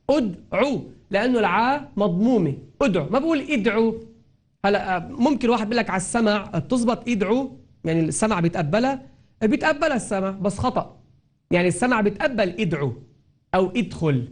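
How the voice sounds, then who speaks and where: High-voiced Lebanese man teaching recitation. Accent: Lebanese Arabic. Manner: explains patiently, repeating and drawing out example words. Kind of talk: spoken grammar and tajweed lesson.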